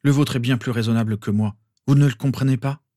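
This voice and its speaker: A man's voice: lowish voice, fairly even intonation, fairly quick, darkish tone, dry recording, clean studio sound, close to an everyday voice. A man voicing a troubled teenage boy who speaks tensely and bitterly. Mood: angry.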